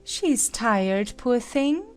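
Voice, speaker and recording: A woman's voice: on the high side, animated, extremely slow, smooth, faint music behind. A woman voicing a bossy, condescending storybook queen in a commanding, patronising manner. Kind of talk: dramatized audiobook character acting.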